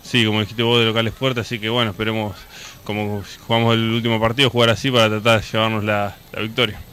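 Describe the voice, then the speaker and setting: A man's voice: lowish voice, flat delivery, fast, fairly bright tone, a little hiss or hum. A young man with an Argentine accent, a basketball player giving plain, modest answers in an interview. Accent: Argentine Spanish.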